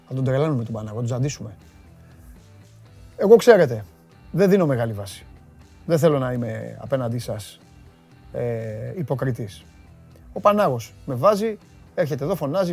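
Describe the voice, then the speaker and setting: A man hosting a live stream, greeting viewers and reading their comments in a playful, teasing way with sudden loud bursts. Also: mid-range voice, slightly rough. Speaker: host.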